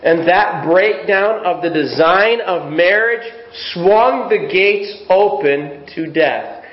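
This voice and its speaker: A man's voice: sits high, takes it slowly. Preaching man in an echoey church. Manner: earnest preaching with scripture reading and rhetorical questions. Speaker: pastor. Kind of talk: sermon. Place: church sanctuary. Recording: echoey, dull church recording with faint hiss.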